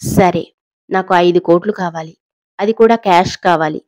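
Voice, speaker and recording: A woman's voice: mid-range voice, normal speed, darkish tone, dry recording, close to an everyday voice. A woman voicing a sarcastic blackmailing woman. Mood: taunting. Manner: sarcastic, taunting. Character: mocking mysterious woman blackmailer, laughing cruelly.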